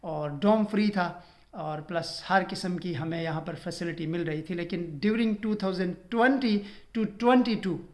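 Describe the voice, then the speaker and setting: A man's voice: sits high, moderate pace. A young man from Pakistan, vlogging and earnestly advising students, dropping English phrases into his talk. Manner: earnest advice, code-switching with English phrases. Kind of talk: casual informational vlog.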